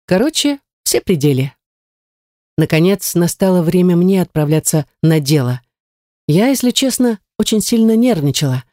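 A woman narrating a first-person story in a lively, wry way. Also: fairly low pitch, moderate pace, no room sound, clean studio sound. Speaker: audiobook narrator.

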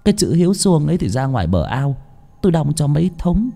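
A man's voice: medium pitch, sing-song, a little fast, gravelly, mellow, soft background music, pitched above the performer's own voice. A man voicing a blunt, nagging village wife in a scolding manner. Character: sharp-tongued village wife, grumbling and blunt.

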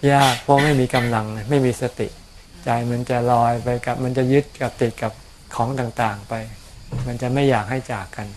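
A man, a Buddhist monk, answering questions about practice in a calm, explanatory way, often repeating words. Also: medium pitch, moderate pace, slight background noise. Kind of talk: casual dharma Q&A. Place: outdoors on a mountain.

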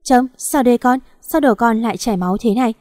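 A woman voicing a worried, gentle elderly mother with a pleading manner. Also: fairly high pitch, fast, no echo, clean studio sound, natural voice. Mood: anxious. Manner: pleading, anxious.

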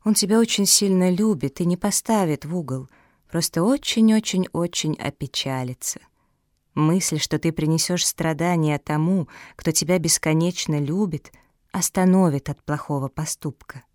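A woman voicing a calm, wise male dog who gives grave advice in a slow, lowered voice. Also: no echo, natural voice. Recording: dry close studio sound.

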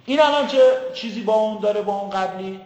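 A male teacher giving a lecture on Quran commentary in a classroom. He keeps asking the class questions and recites words slowly. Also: sits high, darkish tone, reverberant, in a large hall, poor audio. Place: classroom with a board.

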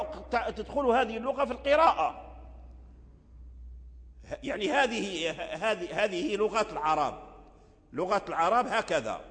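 An older male teacher lectures on the readings of the Quran, explaining patiently and going back over his own words. He breaks into brief chanted examples. His voice sits high, and the recording carries a long reverb like a big hall. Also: fairly bright tone.

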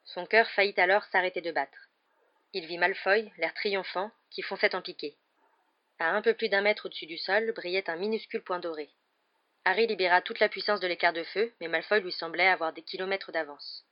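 A woman narrating a novel as an audiobook, reading in a lively storytelling manner. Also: lowish voice, brisk, muffled recording.

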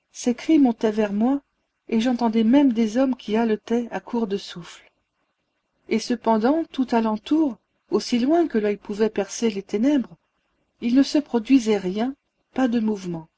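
Woman narrating in a soft, husky voice. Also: a little high. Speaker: audiobook reader. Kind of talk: scripted narration.

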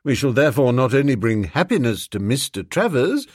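A man performs a deferential manservant in an audiobook, speaking low and without hurry. Every word is formal and calm, and the voice is slightly husky in a dry, close recording. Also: no room sound. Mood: measured. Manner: low, measured, formal and unruffled.

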